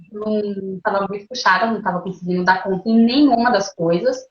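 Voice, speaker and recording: A woman guest telling her own motherhood story in an earnest, animated way, quoting her own thoughts over a video call. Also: medium pitch, fairly quick. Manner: earnest, animated retelling with quoted inner thoughts. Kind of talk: emotional personal storytelling. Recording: roomy, dull lo-fi call audio.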